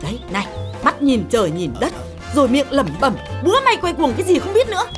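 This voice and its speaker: Shrill mum, wailing and scolding, voice jumps around a lot, loud music under it. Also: female voice, wildly swooping pitch, quick pace. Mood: fretful. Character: scolding village mother, loud and dramatic. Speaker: mother. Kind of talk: slapstick comedy film acting. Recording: film audio with loud music.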